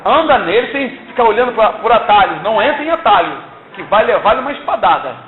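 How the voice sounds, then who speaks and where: A man's voice: high-pitched, big pitch swings, fairly quick. An older man giving an earnest, exhorting church testimony, often asking "não é?". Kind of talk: sermon-like testimony. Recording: tinny lo-fi recording in echoey room, faint hiss.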